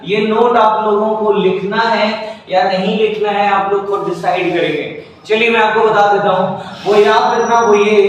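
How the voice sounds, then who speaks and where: A man's voice: high voice, a little hiss or hum. A man teaching English grammar to a class, repeating questions back to his students to check they understand. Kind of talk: classroom lecture. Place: coaching classroom. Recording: echoey room, mic far off.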